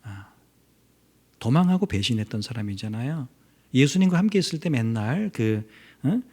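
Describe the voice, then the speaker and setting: A male pastor giving a midweek prayer service sermon, talking to the congregation, rising to loud emphasis and dropping to near-whispers. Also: medium pitch, normal speed. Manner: animated preaching, swings between loud emphasis and near-whispers; conversational, addresses congregation directly.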